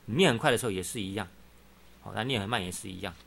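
This middle-aged man, a Buddhist teacher, fields questions in a dharma talk with patient explanations and frequent "好" interjections. He speaks rapid-fire in a lowish, a bit bright voice with vocal fry.

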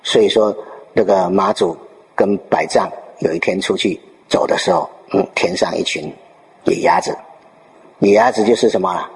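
Male dharma teacher, lower register, lively storyteller who quizzes his listeners; recorded with long hall reverb. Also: moderate pace. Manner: checks in with rhetorical questions to listeners. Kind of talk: dharma talk retelling a Zen story.

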